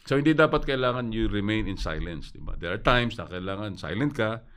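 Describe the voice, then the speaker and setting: Animated pastor, low-pitched. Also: male voice, clear, resonant tone. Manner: animated, often asks a quick rhetorical question. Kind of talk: casual radio discussion.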